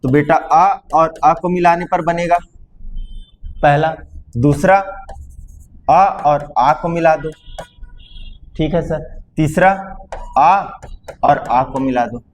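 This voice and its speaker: A male teacher from Chhattisgarh lecturing a class on grammar, speaking to students fondly and checking often whether they understood, drawing vowel sounds out slowly. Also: a little high, fairly even intonation, slight background noise. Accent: Chhattisgarh Hindi.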